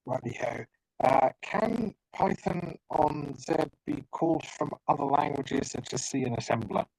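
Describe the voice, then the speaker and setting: A man's voice: on the high side, animated, gravelly, darkish tone, dry recording, poor audio. A man moderating a question session on a video call, friendly and hesitant with many fillers. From United Kingdom. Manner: hesitant, fills pauses, friendly.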